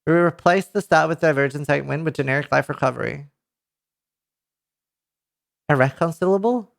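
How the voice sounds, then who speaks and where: A streamer in his thirties with a Norwegian accent reads patch notes to his live chat through a headset mic at his desk, breaking into excited outbursts and casual swearing. His voice is on the high side and creaky, at a moderate pace.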